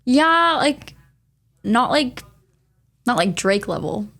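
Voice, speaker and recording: A woman's voice: on the high side, big pitch swings, slow pace, a bit bright. A young woman, a guest on a casual podcast, talking in a bubbly, chatty way and laughing often. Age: young adult. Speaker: podcast guest, sports creator.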